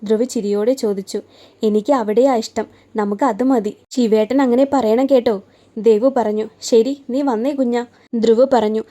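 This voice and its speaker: A woman storyteller reading a romance story aloud in a soft, gentle way, lightly voicing each character in the dialogue. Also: fairly high pitch. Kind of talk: scripted narration of a romance story.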